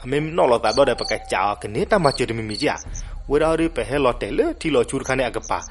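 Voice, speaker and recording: A man narrating a folk legend, animated and switching voices for the characters. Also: mid-range voice, rapid-fire. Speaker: storyteller. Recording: noisy recording with crickets behind.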